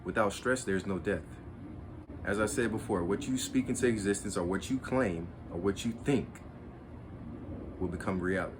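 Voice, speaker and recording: A man's voice: on the low side, normal speed, background noise. A man hosting his own spiritual video, lecturing in an earnest, repetitive, preachy way. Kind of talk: monologue to camera.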